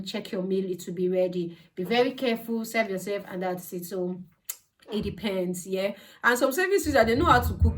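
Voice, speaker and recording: A woman from Nigeria with a Nigerian accent gives a casual explanatory vlog talk, conversational and emphatic, often repeating words for stress. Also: medium pitch. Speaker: vlogger, healthcare assistant. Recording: voice distant from the mic.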